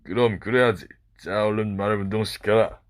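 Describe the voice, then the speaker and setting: A man voicing a huge, mean castle master in a children's storybook, speaking slowly, low and mocking. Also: lightly acted. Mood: taunting.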